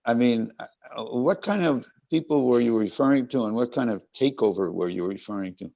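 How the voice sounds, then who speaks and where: A man with a growling, gravelly voice, talking casually and wordily as a participant commenting in a class, in a rambling, self-deprecating way. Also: medium pitch, moderate pace, darkish tone. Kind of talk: casual spoken comment and question. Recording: dull, lo-fi internet call.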